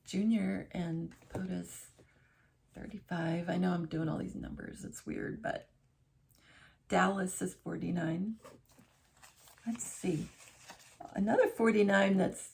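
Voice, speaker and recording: A middle-aged woman talks to camera from an armchair in her living room, her medium-pitched voice creaky and a little mellow. The vlog wanders conversationally as she keeps restarting and correcting herself.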